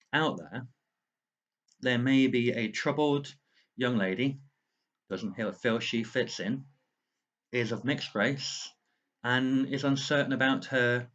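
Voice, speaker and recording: A man's voice: medium pitch, dull audio. A man with a slight lisp, talking earnestly and rambling a bit straight to the viewer in a video diary from his home. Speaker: author vlogger. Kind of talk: casual lockdown video diary. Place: at home indoors.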